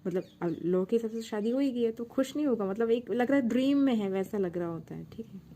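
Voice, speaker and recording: A woman's voice: a little high, lively intonation, quick pace, dark tone, slight background noise. A woman casually retelling a romance fan fiction story in a chatty, loose way, with many fillers.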